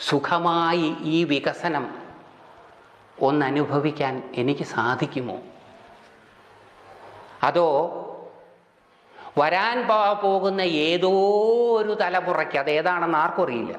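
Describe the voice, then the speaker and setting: Slow-speaking older man, echoey hall. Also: high-pitched, a bit bright. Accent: Kerala Malayalam. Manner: slow, deliberate oratory with long pauses. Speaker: spiritual speaker. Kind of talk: religious discourse.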